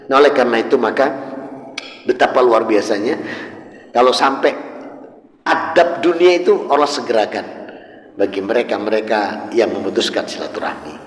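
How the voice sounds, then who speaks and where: Echoey preacher. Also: male voice, medium pitch, a little hiss or hum. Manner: storytelling, acts out voices, mixes Javanese into speech. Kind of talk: sermon. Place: mosque hall. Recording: echoey hall with long reverb.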